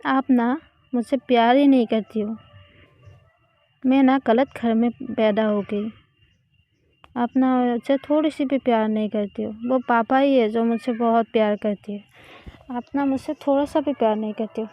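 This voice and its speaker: A woman's voice: a little high, steady tone, moderate pace, pauses often, dry recording, muffled recording, natural voice. A woman doing a wheedling young daughter. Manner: wheedling, pleading, sweet-talking. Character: coaxing young woman, playful pleading daughter.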